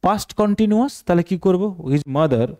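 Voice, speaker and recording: Mellow-voiced man teaching a class. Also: sits high, animated, fairly quick. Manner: explains step by step, asks the class questions and answers them himself. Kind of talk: translation lesson for exam students.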